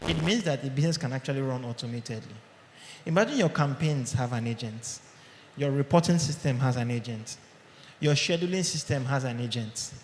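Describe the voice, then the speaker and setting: A man of medium pitch gives a casual live tech talk in a large hall, repeatedly pausing to ask the crowd "okay?" He is a conference speaker using a handheld or podium microphone. The room is echoey with long reverb, and there's slight background noise.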